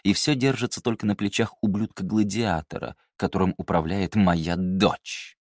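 A man's voice: low voice, normal speed, no room sound, clean studio sound. Man voicing a haughty, seething mother. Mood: furious. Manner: cold, clipped, seething. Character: haughty scheming woman, a mother, furious.

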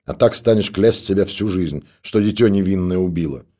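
Narrator doing a grumpy stoker, deep mellow gruff voice, scolds and grumbles. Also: male voice, normal speed, natural voice. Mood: stern. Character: gruff old stoker in a monastery.

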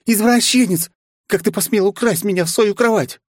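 A man voicing a haughty, hot-tempered young noble girl who scolds in shrill outbursts. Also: brisk, darkish tone, breathy edge, no room sound, clean studio sound. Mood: outraged.

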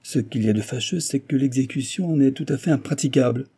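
A man's voice: medium pitch, fast, dark tone, breathy edge, voice pushed up. A man voicing a frivolous, petulant society wife who defends her spending peevishly. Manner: peevish, self-justifying.

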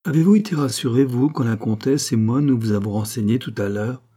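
A man reading an audiobook, voicing a proud, wounded queen who speaks with sharp irony and rising fury. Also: mid-range voice, fairly quick, lightly acted. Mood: furious.

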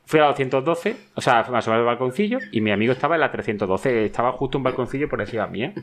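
A man's voice: mid-range voice, rapid-fire, a little hiss or hum. A middle-aged man telling a funny anecdote in casual chat, laughing often. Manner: animated storyteller, laughs often, acts out shouted quotes. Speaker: podcast guest telling an anecdote.

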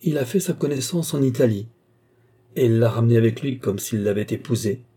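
A loyal, curt old housekeeper woman in a storybook, answering in short, dry replies, as a man reads her lines. The voice is dark and husky, close to the reader's own. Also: medium pitch, fairly quick, close to an everyday voice.

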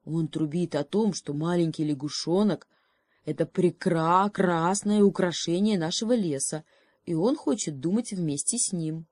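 A woman's voice: lowish voice, a little slow, darkish tone, no room sound. A woman voicing a mocking male raven in a storybook who stammers into caw-like sounds. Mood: teasing. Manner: stretches and repeats sounds like a caw.

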